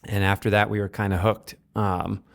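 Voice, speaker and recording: Filmmaker guest from Massachusetts, low gravelly monotone, smooth resonant timbre. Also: male voice, moderate pace. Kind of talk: casual interview.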